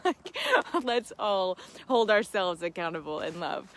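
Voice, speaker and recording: A woman hosts a laid-back livestream Q and A in a lowish voice with lively intonation and a measured pace. She's earnest and reflective with her listeners, treating them like friends, and laughs a lot while talking.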